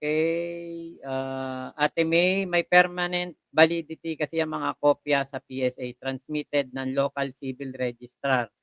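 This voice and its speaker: A chatty livestream host who reads out viewer comments, greets them one by one by name, and laughs often. The voice is bright and smooth. It sits very dry and close to the mic. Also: mid-range voice, flat delivery, unhurried, no room sound. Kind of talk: casual livestream chat.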